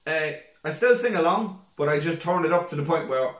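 A man co-hosting a casual podcast, telling animated stories with plenty of swearing and laughter. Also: on the high side, fairly quick. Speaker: podcast co-host. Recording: echoey room.

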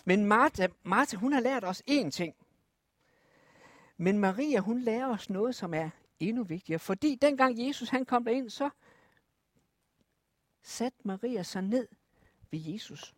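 A preacher telling a Bible story to children, lively and asking the listeners questions. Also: mid-range voice, pauses often, no room sound, studio quality.

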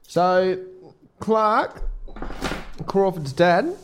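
A man's voice: high-pitched, animated, drawn-out words, noisy background. A young Australian man co-hosting a casual podcast, teasing and blunt in his banter. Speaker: podcast co-host. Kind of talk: casual chat.

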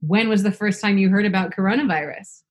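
A woman's voice: medium pitch, fast talker. A woman interviewing a guest in a casual, encouraging way, with frequent fillers. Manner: friendly, encouraging, many fillers.

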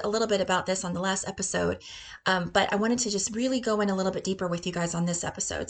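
A woman in her forties, a health coach hosting her own show, talks in a bubbly, upbeat way and laughs often while promoting her program. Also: medium pitch. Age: 40s. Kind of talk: casual promotional monologue.

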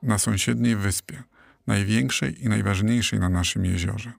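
A man voicing a calm male cormorant guide in an audiobook, speaking in a matter-of-fact way. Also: lowish voice, normal speed, vocal fry, dry recording, clean studio sound.

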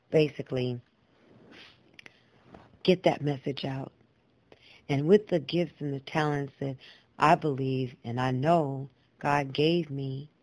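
A woman with a deep, slightly mellow voice shares personal stories as a guest storyteller, poet and singer. She's reflective, earnest and deliberate, repeats phrases for emphasis, and speaks with clear, proper diction. There's no room sound.

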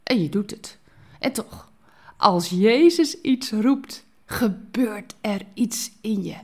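A woman hosting a devotional podcast, speaking expressively and switching between lively and hushed phrasing, ending with a prayer. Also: mid-range voice, slow.

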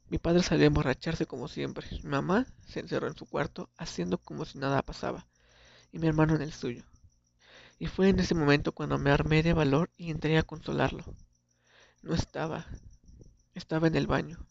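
Somber young man, gravelly. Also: a little high, darkish tone, no echo. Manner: somber, earnest confessional tone. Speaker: narrator. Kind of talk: first-person dramatic storytelling. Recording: dull lo-fi recording.

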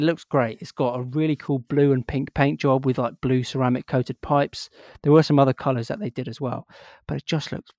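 Male co-host, enthusiastic and rambling, dry close sound, mid pitch. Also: darkish tone, no echo. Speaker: podcast co-host. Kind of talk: casual chat.

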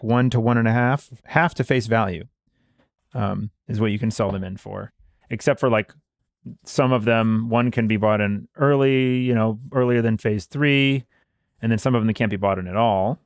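A man hosting a casual board game discussion, explaining details at an easy pace and pausing with fillers as he recalls them. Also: lowish voice, dry recording, studio quality.

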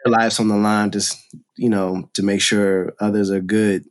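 A man co-hosting a podcast in a relaxed, laid-back way, still groggy with his morning voice, talking through a computer microphone. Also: fairly low pitch, normal speed. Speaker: podcast co-host. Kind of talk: casual chat.

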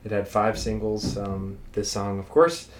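A man's voice: lowish voice, a little slow. A man co-hosting a podcast in casual chat, rambling with lots of fillers and restarts. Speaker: podcast co-host.

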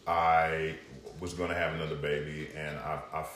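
A man's voice: a bass voice, flat delivery, moderate pace, a bit bright, reverberant, slight background noise. A man co-hosting a casual chat, rambling and filling his talk with "you know" and "like.". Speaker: podcast co-host.

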